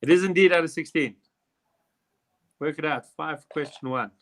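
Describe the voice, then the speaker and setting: A man's voice: a little high, moderate pace, a bit bright, a little hiss or hum. A man, hosting a live online quiz in a chatty, rambling way with jokey asides. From South Africa. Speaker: quiz host. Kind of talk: casual live quiz chat.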